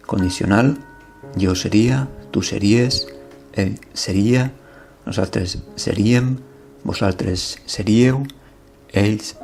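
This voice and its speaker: A man teaching a language lesson, reading verb conjugations and example sentences aloud in a slow, methodical way. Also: lowish voice, gravelly, a little mellow.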